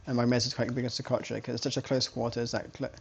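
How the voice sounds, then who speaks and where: A man's voice: medium pitch, little pitch movement, very fast, vocal fry, a little hiss or hum. Rambling male game caster. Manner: rambling, self-correcting, chatty. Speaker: esports caster. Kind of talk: live game commentary.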